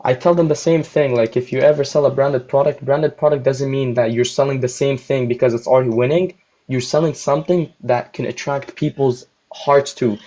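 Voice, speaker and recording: A man's voice: medium pitch, steady tone, a little fast, mellow. A young man chatting casually on a livestream as a guest store owner, rambling with lots of filler words while chewing gum. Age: young adult. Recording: muffled lo-fi audio.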